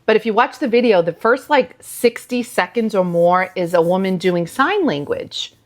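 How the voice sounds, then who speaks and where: A woman's voice: mid-range voice, animated, normal speed. A middle-aged woman co-hosts a casual music podcast from a living room. She teases her co-host and breaks into laughter often. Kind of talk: casual chat.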